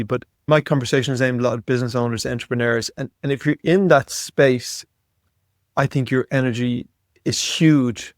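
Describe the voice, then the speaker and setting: A man's voice: medium pitch, dry recording, clean studio sound. A middle-aged man hosting a podcast interview, telling a story earnestly, with many restarts. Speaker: podcast host. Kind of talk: conversational interview.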